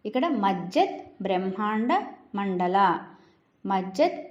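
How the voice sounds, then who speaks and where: A woman teaching a devotional chant step by step, splitting each name into parts and then repeating it slowly and deliberately. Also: medium pitch, lively intonation, a little mellow, dull audio. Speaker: recitation teacher. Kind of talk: slow step-by-step chanting lesson.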